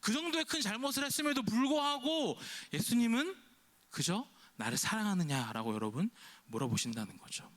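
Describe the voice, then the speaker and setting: A male pastor delivers a youth service sermon in a very high-pitched, sing-song voice that's a bit bright, at a moderate pace. His preaching is conversational: he keeps asking the congregation questions and acts out imagined lines in a quoted voice.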